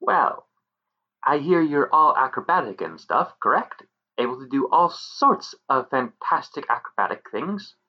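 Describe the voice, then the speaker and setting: A man voicing a small, bossy and scheming female pixie who taunts and threatens in a shrill voice. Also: very animated, measured pace. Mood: taunting. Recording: muffled lo-fi recording.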